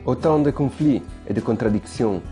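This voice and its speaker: A man narrating his own documentary in a measured, reflective voice-over. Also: medium pitch, over music. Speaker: filmmaker narrating his project.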